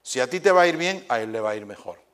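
A man preaching voices a mysterious voice that speaks in a dream, low, hushed and deliberate. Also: expressive, lightly acted. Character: mysterious low voice in a dream, offering any wish.

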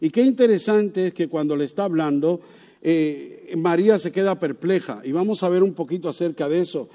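A man's voice: a little high, fairly quick, mellow. A male pastor preaching a sermon in a conversational way, asking the congregation rhetorical questions.

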